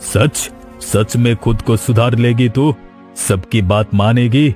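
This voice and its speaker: A man voicing a stern, commanding male sadhu in a cartoon, giving slow, threatening orders. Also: mid-range voice, a little mellow, soft background music, close to an everyday voice. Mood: instructing. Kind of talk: cartoon voice acting.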